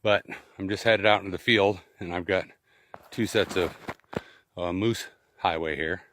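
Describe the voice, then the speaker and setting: A man's voice: deep voice, moderate pace, fairly bright tone, no echo. A man narrating a casual outdoor vlog in short bursts while trudging through snow on snowshoes, winded from the effort. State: winded from exertion. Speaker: outdoor vlogger. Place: outdoors in snowy woods and fields.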